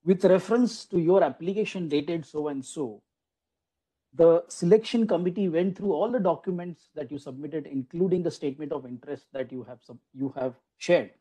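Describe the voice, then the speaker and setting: Over a video call, a guest lecturer for a faculty development program talks to teachers in a chatty style. His voice is warm and on the high side, and he keeps starting sentences over and dropping in "you know." The recording is low quality.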